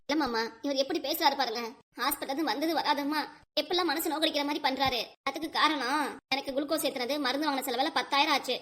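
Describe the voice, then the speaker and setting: A woman's voice: high voice, fast, fairly bright tone. A woman voicing a complaining middle-aged village wife who pleads in a whiny, self-pitying way in a cartoon. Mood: aggrieved.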